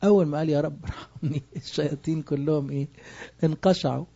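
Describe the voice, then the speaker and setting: A man's voice: fairly high pitch, steady tone, quick pace, vocal fry, mellow, lo-fi sound. A man with an Egyptian Arabic accent preaching a sermon, emphatic and full of rhetorical questions. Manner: emphatic, asks rhetorical questions and answers them.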